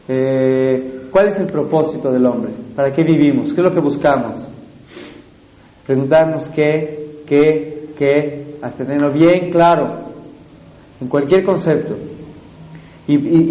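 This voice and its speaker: A man with a rather high voice gives a classroom lecture. He walks through each point step by step and keeps asking whether everyone follows. The recording is roomy and slightly dull. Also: darkish tone. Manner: explains step by step and checks in with frequent questions to listeners. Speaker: teacher.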